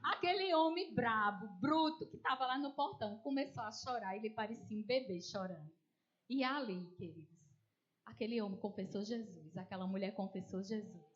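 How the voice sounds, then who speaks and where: A woman's voice: a little high, moderate pace, highs cut off. A woman with a Northeastern Brazilian accent preaching a testimony, telling the story with animation and acting out the voices of people in it. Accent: Northeastern Brazilian Portuguese. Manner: animated storytelling, acts out quoted voices, addresses listeners as dear ones.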